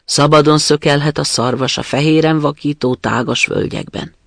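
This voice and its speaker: A man voicing a gentle, homesick reindeer who speaks in a wistful, sighing way, in a storybook reading. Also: a little high, steady tone, vocal fry, dry recording, clean studio sound.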